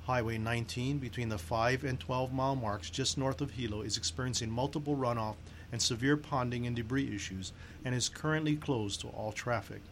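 A man reading a scripted civil defense emergency announcement in a formal, serious, measured manner. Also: medium pitch, slight background noise.

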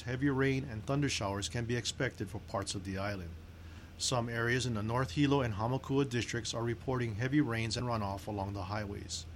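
Man reading a formal civil defense alert, noisy recording. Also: mid-range voice. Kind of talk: scripted public emergency broadcast announcement.

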